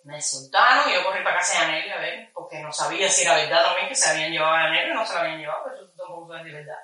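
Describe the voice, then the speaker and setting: A woman recounting events in casual conversation, animated and acting out the voices of the people she quotes. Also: fairly low pitch, very fast. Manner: animated, acts out quoted voices, drops to a near whisper. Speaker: activist recounting an arrest. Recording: echoey room, distant mic.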